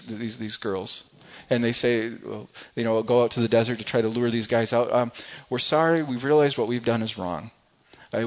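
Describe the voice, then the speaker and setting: A man's voice: medium pitch, muffled recording. A man preaching a sermon, retelling a scripture story dramatically and voicing the crowd in quotes, with many restarts.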